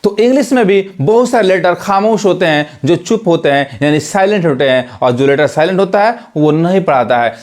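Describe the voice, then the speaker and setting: A man's voice: high voice, animated, brisk, few pauses, a little mellow. A man teaching English pronunciation, explaining each point with repetition and rhetorical questions. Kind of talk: Hindi-language lesson explaining English pronunciation.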